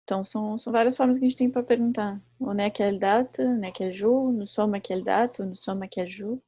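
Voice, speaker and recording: A woman teaching a live online class who explains patiently and repeats each example slowly. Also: medium pitch, fairly even intonation, warm tone, breathy edge, no room sound. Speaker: French teacher.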